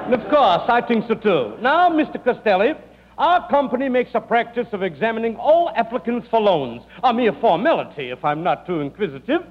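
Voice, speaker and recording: In a piece of 1940s radio comedy acting, a man plays a fussy, oily foreign finance company moneylender in a very high voice with big pitch swings, speaking a little fast. He sounds unctuous, over-polite and formal, mangling his foreign grammar. The old radio recording is dull and noisy, with hall reverb.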